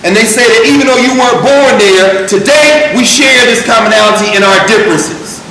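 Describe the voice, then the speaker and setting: A man teaching a university class, reading from a text and breaking into animated, emphatic asides. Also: extremely high pitch, a little fast, far from the mic, slight background noise. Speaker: university lecturer. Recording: echoey lecture room recorded from afar.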